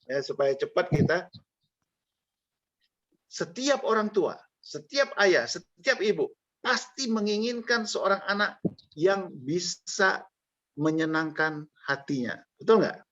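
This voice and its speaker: A man's voice: sits high, animated, slow, pauses often, fairly bright tone, dull audio. A man preaching a sermon in a conversational way, with jokey asides to the congregation.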